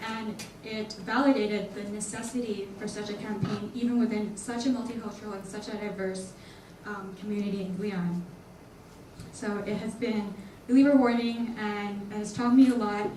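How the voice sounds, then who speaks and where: A woman's voice: medium pitch, steady tone, normal speed, noisy background. A young woman from Hong Kong, a student organizer, giving an earnest, slightly nervous prepared welcome speech in a large lecture hall. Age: young adult. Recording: echoey hall from far off.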